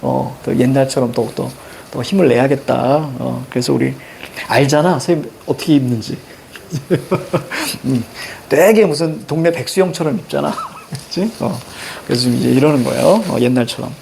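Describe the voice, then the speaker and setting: Speaking at a moderate pace in a gravelly, medium-pitched voice, a middle-aged man runs a reading lesson in a blackboard classroom. He drills the students step by step, animatedly directing them on what to underline and circle. There is slight background noise in this classroom lecture.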